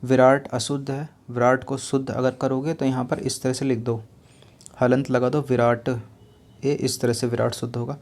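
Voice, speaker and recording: Man, exam-prep teacher, level even delivery, patient explaining, repeats answers, rhetorical questions. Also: medium pitch, normal speed. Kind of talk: exam-prep lesson going through spelling questions.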